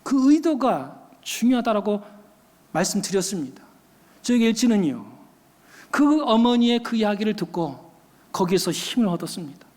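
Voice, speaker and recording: A man's voice: high-pitched, very animated, moderate pace, darkish tone. A man preaching a sermon as a pastor, telling stories and putting rhetorical questions to his congregation. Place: church sanctuary. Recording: long church hall reverb.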